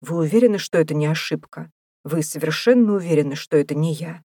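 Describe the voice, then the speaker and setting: A woman's voice: fairly low pitch, normal speed, mellow, dry recording, studio quality, lightly acted. A woman voicing a desperate, starving male prisoner who pleads and rages in an audiobook. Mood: pleading, indignant. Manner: pleading, wailing, indignant.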